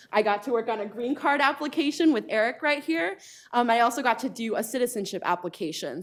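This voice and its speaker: A woman's voice: mid-range voice, fairly bright tone. A woman law professor introducing herself at a panel event, speaking earnestly with frequent ums. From United States. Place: lecture hall event.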